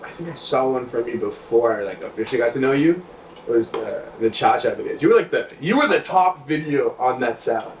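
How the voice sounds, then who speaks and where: A man co-hosting a casual podcast, chatty and quick to laugh. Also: medium pitch, animated. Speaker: podcast co-host. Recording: echoey room, distant mic, faint noise.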